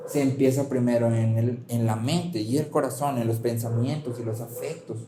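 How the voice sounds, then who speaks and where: A man's voice: medium pitch, steady tone, moderate pace, crowd noise. A man preaching a sermon as a pastor, conversational and full of rhetorical questions and check-ins with the congregation. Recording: roomy hall with faint ambience.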